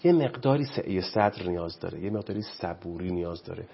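A man's voice: low-pitched, expressive, gravelly, husky, lo-fi sound. A man speaking as a guest on parenting, preachy and impassioned, often quoting scripture. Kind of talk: animated studio talk.

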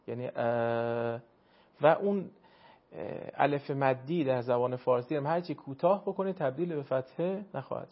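A man hosting a broadcast Quran lesson, explaining pronunciation politely and formally, sounding out sounds slowly. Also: on the high side, highs cut off. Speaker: Quran teacher and program host. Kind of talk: televised recitation lesson.

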